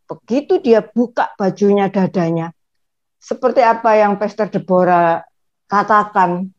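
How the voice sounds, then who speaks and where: A woman's voice: mid-range voice, unhurried, lo-fi sound. A woman, telling a long story to ask a question in an online church Q&A, often repeating her phrases. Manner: repeats phrases, speaks earnestly. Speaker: congregant asking a question.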